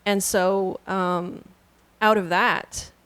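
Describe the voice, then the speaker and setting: A woman from Canada answering an audience question at a book launch, thoughtful and halting. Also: medium pitch, little pitch movement, smooth, no room sound. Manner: thoughtful, soft-spoken, halting. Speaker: author on a panel. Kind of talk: panel answer at a book reading.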